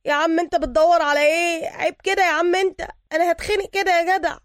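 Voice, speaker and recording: A woman voicing a frightened young Egyptian man with an Egyptian accent, crying and pleading in a strained, high, loud voice. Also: little pitch movement, very fast, no echo, clean studio sound. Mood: frantic. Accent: Egyptian Arabic.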